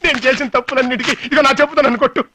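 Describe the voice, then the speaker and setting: A dubbing actor playing a scheming, fawning middle-aged uncle in a dubbed film, talking in a rapid, theatrical, wheedling way. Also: male voice, very high-pitched, fairly even intonation, sharp tone, a little hiss or hum. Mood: pleading. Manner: rapid, wheedling and theatrical, scolding then pleading. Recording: dry studio dub.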